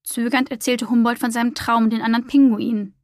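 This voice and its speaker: Female children's storyteller, gentle and expressive, fairly high voice, dry sound. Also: fast talker, no room sound. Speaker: storyteller, podcast host.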